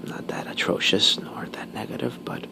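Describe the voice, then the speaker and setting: A man whispering casual ASMR talk while chewing gum, pausing between short, halting phrases. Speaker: ASMR video creator.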